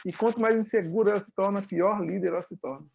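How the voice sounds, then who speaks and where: A man's voice: high-pitched, quick pace, vocal fry, husky, dull audio. A man with a Brazilian Portuguese accent giving a conversational online lecture to medical students, explaining with acted-out examples and questions to his listeners. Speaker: guest lecturer on leadership.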